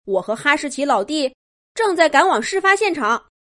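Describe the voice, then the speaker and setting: A woman's voice: sits high, very animated, moderate pace, fairly bright tone, pitched above the performer's own voice. A woman voicing a male Labrador rescue dog reporting over a radio in a children's story. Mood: urgent.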